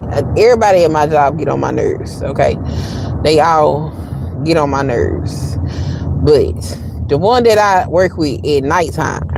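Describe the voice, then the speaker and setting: A woman's voice: fairly low pitch, background noise. Sassy Southern woman chatting on a livestream. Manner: chatty, sassy, talks straight to viewers. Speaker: livestream host. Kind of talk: casual livestream chat.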